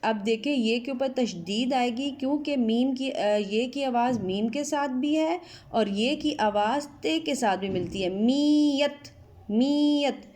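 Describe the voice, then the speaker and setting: A woman teacher from Pakistan giving an online Urdu lesson to students, drawing out each word slowly as she spells it. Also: a little high, a little mellow. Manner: slow, drawn-out spelling of words. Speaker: school teacher.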